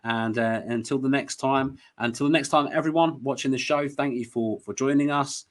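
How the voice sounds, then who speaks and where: A man's voice: mid-range voice, steady tone, normal speed. A man hosting a casual conversation, talking in a rambling, hesitant way. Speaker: host.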